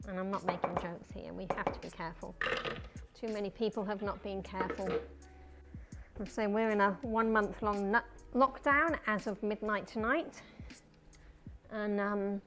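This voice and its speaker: A woman's voice: mid-range voice, gravelly. A woman with a broad New Zealand accent chatting casually and colloquially as she hosts a cooking livestream, in a jokey way. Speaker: livestream host.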